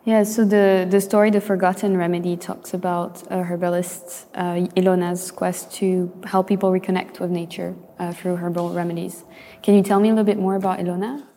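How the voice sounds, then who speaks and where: Hesitant woman host, flat tone. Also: on the low side, a little fast, big-room sound. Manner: hesitant, many ums. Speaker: interviewer, host. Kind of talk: live stage interview.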